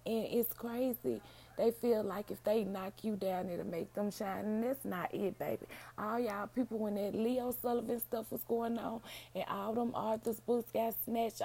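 A woman with a raspy, hoarse voice, sounding unwell as she chats casually to her podcast listeners in a down-home way. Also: medium pitch, mellow. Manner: down-home, addresses listeners as y'all and baby. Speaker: podcast host, book reviewer. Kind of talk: casual solo podcast chat.

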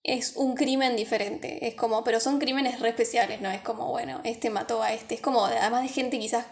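A woman co-hosts a casual film podcast in Rioplatense Spanish. Her voice sits a little high. She rambles, restarts sentences and laughs easily. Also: steady tone, brisk. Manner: chatty, laughs often, trails off mid-sentence. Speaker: podcast co-host. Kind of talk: casual chat.

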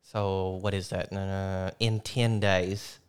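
A man's voice: low-pitched, level tone, slow, clean tone. A man co-hosting a podcast in casual chat, joking and playful. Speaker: podcast co-host.

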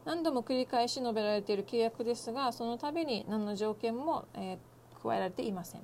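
A woman interpreting a Bible lesson phrase by phrase, with fillers and quick self-corrections. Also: a little high, a little mellow, slight background noise.

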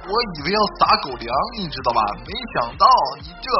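A man telling funny stories in a casual, rambling monologue, keeps checking in with the listener and often bursts into loud laughter at his own jokes. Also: fairly high pitch, animated, fast talker. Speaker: joke-telling host. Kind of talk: casual comedic storytelling monologue. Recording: dull lo-fi audio with loud background music.

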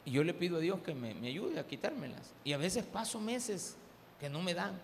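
A man's voice: high voice, very animated, normal speed, gravelly. A male pastor with a Salvadoran Spanish accent, preaching a sermon full of humorous personal stories and calling the congregation "hermano". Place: church service. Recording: church hall with long reverb, faint background noise.

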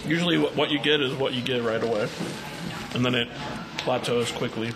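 A man's voice: mid-range voice, brisk, crowd noise, low-quality recording. A man speaking as a hot sauce maker in casual, laid-back product chat with brief remarks. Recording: loud music behind the talk. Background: music.

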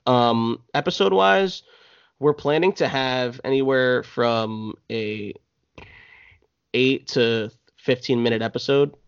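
A man talking as a podcast guest, relaxed and rambling with lots of fillers. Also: mid-range voice, slow pace, creaky, smooth. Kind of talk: casual podcast chat. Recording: slightly dull lo-fi sound.

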